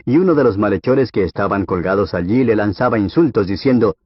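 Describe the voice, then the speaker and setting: A man with a low, husky voice reads scripture aloud at a steady, measured pace, as an audiobook. The recording is dry and dull, with a lo-fi edge. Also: no room sound. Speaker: Bible reader.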